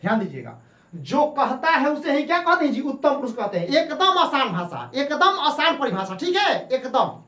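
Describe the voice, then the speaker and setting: In an echoey room, a lively woman teacher with a high voice delivers a classroom lesson at a moderate pace. She goes over her points more than once and asks rhetorical questions before answering them.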